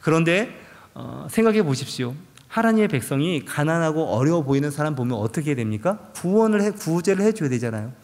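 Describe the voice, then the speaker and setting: A man's voice: a little high, sing-song, fairly quick, darkish tone. Man preaching in a reverberant church. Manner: asks the congregation rhetorical questions, acts out quoted prayers. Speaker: pastor. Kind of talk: sermon. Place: large church sanctuary. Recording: long church hall reverb.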